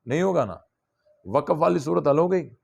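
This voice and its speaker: A male religious teacher gives a classroom lesson, working through a scripture point by point. His voice is strongly gravelly and sits somewhat high. He keeps turning to his students with questions to check they follow. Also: lively intonation, darkish tone. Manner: explains step by step, asks students questions.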